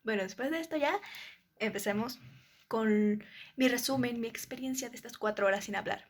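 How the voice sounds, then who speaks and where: A young woman with a Mexican accent recounts an anecdote in a casual monologue. Her voice sits somewhat high, and she talks in a chatty, meandering way, leaning on fillers and acting out what others said. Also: normal speed. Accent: Mexican Spanish. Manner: chatty, leans on fillers, acts out quotes. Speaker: student.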